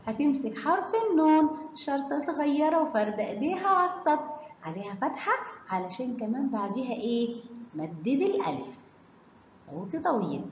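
A woman with an Egyptian Arabic accent teaching children to read, stretching out syllables slowly and quizzing them with questions. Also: a little high, a little mellow, a little hiss or hum. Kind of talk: children's phonics lesson. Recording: echoey hall, slightly dull sound.

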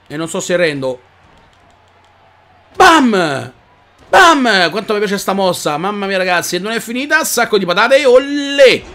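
A man doing excited let's-play commentary on a wrestling game, shouting move names and swearing freely. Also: sits high, a little slow, pauses often. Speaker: gaming YouTuber.

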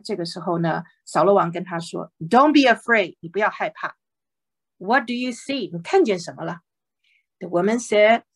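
A woman teaching a Bible lesson, reading English verses slowly and explaining them in Mandarin, verse by verse. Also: mid-range voice, fairly bright tone, dry recording.

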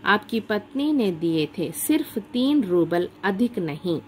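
A meek young governess who speaks in a soft, hesitant voice, as a woman teacher reads her lines. Her words come very slowly. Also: mid-range voice, very animated, slight background noise. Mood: timid.

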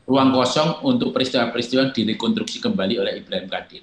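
An older man talks through his filmmaking methods in a measured, explanatory way, his voice sitting in the middle of the range. He slips into quoted lines now and then, and the recording carries a roomy echo. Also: mid-range voice. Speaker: film director, guest. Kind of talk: reflective interview answers.

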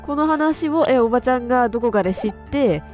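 A woman with a fairly high voice chats playfully through a game playthrough. Faint music plays behind her. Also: animated, fairly quick, darkish tone. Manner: chatty, playful. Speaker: game streamer. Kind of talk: let's-play commentary.

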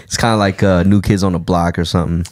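A man's voice: deep voice, fairly even intonation, quick pace, darkish tone. A man co-hosting a podcast, teasing and laughing through playful banter. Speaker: podcast co-host. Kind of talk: casual banter.

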